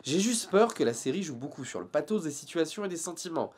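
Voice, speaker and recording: A man with a rather high voice talks through a casual video review of TV series. His pitch swings widely, and his sarcastic jokes sit beside earnest critique. The delivery stays animated throughout. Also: fairly quick, slight background noise.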